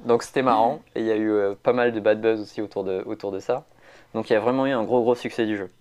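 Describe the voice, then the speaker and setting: A man's voice: on the low side, fairly even intonation, fast talker, darkish tone. A man, chatting casually as a podcast co-host, rambling with lots of fillers and restarts. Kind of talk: casual chat.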